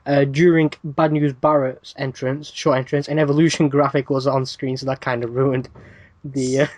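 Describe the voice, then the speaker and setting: A man's voice: mid-range voice, flat delivery, moderate pace, no room sound. A man hosting a wrestling podcast, reading news items in a casual rundown with dry asides and plenty of "uh" fillers.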